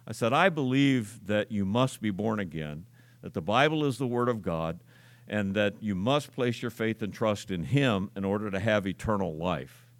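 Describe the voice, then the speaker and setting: A man's voice: on the low side, lively intonation, normal speed, no room sound. An older man preaching a conversational, folksy sermon. He tells stories and repeats key words for emphasis.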